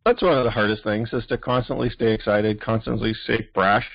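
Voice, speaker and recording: A man's voice: fairly low pitch, fairly even intonation, fairly quick, creaky, no echo, dull audio. A man with a Canadian accent hosting a business training call, talking casually with lots of fillers and restarts. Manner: rambling, many fillers and restarts. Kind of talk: casual motivational talk.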